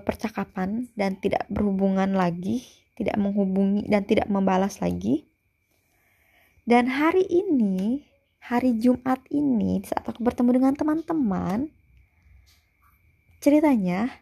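A woman's voice: medium pitch, creaky, mellow. A young woman tells a story in a casual monologue, heated and exasperated, swearing freely.

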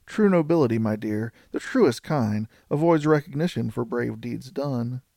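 Male narrator reading a prim rambling old maid, gravelly, dry close sound. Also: medium pitch, animated, moderate pace, dark tone, dry recording. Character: fussy, talkative older spinster aunt.

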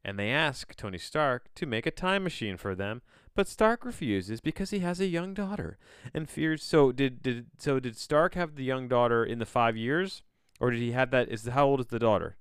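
Reading a plot synopsis out loud, a man hosting a podcast adds rambling, casual commentary peppered with sardonic, incredulous remarks and casual swearing. He talks at a moderate pace with hardly any pauses in an animated, mid-range voice. The tone is clean, with no room sound and clean studio sound.

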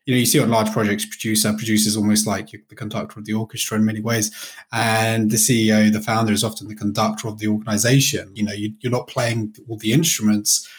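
A man hosting an interview, his voice sitting a little low. He reasons aloud through extended comparisons before putting a question to his guest. His tone is measured and conversational. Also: little pitch movement. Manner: thoughtful, building long comparisons while asking questions. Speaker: host. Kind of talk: interview host.

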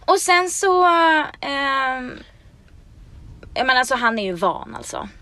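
A woman hosting a podcast, telling a story in casual chat, animated and laughing. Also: high-pitched, dry recording. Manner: animated, laughing, acts out dialogue. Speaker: podcast host.

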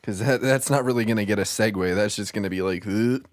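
A man's voice: on the low side, fast, dry recording. A young man, a college engineering student, co-hosting a casual chat with dry, laid-back remarks. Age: young adult. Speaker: podcast co-host.

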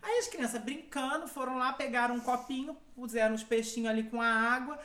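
A woman's voice: fairly high pitch, fairly quick, fairly bright tone. A woman hosting a podcast, telling stories in casual chat and laughing as she talks. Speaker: podcast host. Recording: echoey room.

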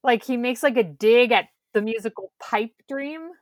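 A woman's voice: fairly high pitch, moderate pace, dry recording, clean studio sound. A woman co-hosting a podcast, recapping a TV episode in casual, wry chat. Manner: wry, quotes characters in mocking voices. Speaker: podcast co-host.

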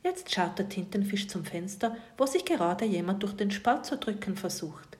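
A woman narrating a bedtime story softly, often in a whisper, and addressing the listener directly. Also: mid-range voice, animated, moderate pace.

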